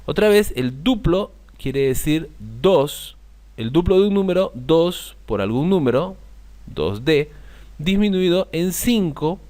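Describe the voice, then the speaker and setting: Male math tutor; patient, slow repeats of key terms, lively rising and falling delivery. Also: a little high. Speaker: math teacher. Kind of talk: explaining a lesson to viewers.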